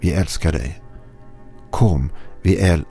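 A man's voice: low voice, gravelly, warm tone, husky, faint music behind, full character voice. A man voicing luring ghost family. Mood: coaxing. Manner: coaxing, repetitive. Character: ghostly voices of a dead wife and son, luring.

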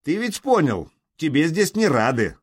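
A man's voice: a little high, sing-song, moderate pace, husky, pitched above the performer's own voice. A man doing a bellowing jarl on a fortress wall. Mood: defiant. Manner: bellowing, curt, defiant. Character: gruff jarl shouting from a fort wall.

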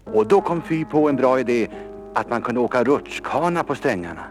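A man reading a children's story aloud, lively and expressive, sometimes dropping to a whisper. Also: mid-range voice. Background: instrumental music.

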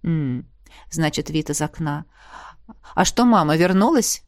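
A woman voicing a calm, playful grown man, a rector who teases and coaxes in a soft, lowered voice. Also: a little slow, dry recording, studio quality. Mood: coaxing. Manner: soft, lowered, easygoing and coaxing.

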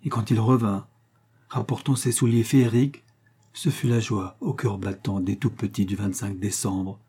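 A man reading a literary tale aloud in a measured, expressive storytelling manner. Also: lowish voice, slightly rough. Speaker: reader. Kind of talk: scripted narration of a literary tale.

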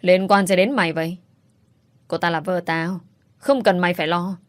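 A woman voicing a hot-tempered young husband who shouts rudely, with faint music behind. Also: on the low side, animated, fairly quick, dry recording. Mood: furious. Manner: shouting, rude.

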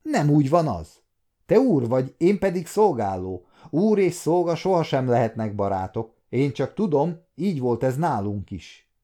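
A man's voice: medium pitch, lively intonation, warm tone, natural voice. A man voicing a tearful, defiant young girl who works as a kitchen maid, speaking in a raised, pleading voice.

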